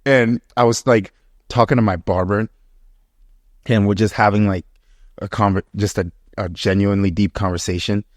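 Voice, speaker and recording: Low-voiced young man telling stories. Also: normal speed, no echo, studio quality. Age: 20s. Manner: animated storytelling, lots of "like" and slang. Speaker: podcast host. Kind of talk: casual podcast conversation.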